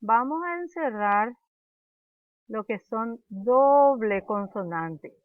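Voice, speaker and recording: A woman's voice: fairly high pitch, animated, no room sound. A woman teaching a primary-school language lesson, patiently reciting letters and syllables one by one for pupils to repeat. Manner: slow, patient, syllable-by-syllable dictation. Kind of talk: slow classroom lesson, drilling letters and sounds. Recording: dry tinny lo-fi recording.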